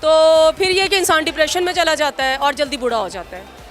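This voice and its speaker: A woman guest on a comedy chat show, giggly and quick-witted in her banter. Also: high voice, soft background music.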